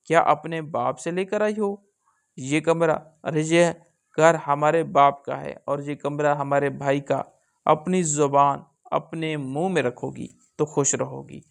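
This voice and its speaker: A man voicing spiteful, bossy sisters-in-law, in a gravelly voice. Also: fairly high pitch, steady tone. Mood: scolding.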